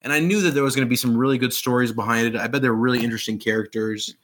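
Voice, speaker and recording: A man's voice: medium pitch, steady tone, rapid-fire, a bit bright. A man in his thirties who grew up in Pakistan, an author telling his story eagerly in a casual interview, rambling with fillers and restarts. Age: 30s.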